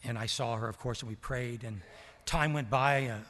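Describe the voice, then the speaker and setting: An older man preaching a sermon, telling a story with passion and swinging from loud to hushed. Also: mid-range voice, moderate pace. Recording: long reverb of a large hall.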